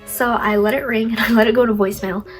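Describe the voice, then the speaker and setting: Over soft background music, a young woman vlogger with a slightly high voice tells a casual story at a quick pace with fairly even intonation. Her nose is stuffy, and she rambles chattily, with plenty of "like" and self-mocking asides.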